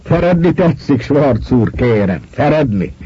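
A man's voice: medium pitch, husky, no room sound, lo-fi sound, pitched above the performer's own voice. A man voicing a rural gendarme who speaks in a drawling, official provincial way and calls out orders. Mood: mocking. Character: stern rural gendarme, mocking then commanding.

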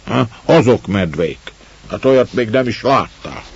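A man voicing a grave, plainspoken old mountain shepherd who talks slowly and with care, in a dull lo-fi recording. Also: mid-range voice, expressive, creaky, breathy edge, voice pushed up, exaggerated voice. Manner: slow and measured.

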